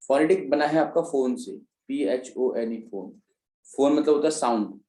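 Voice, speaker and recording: A man's voice: mid-range voice, normal speed, mellow, roomy sound, rough recording. A man teaching an exam-prep class in speech, explaining step by step and often checking in with his students. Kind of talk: classroom lecture.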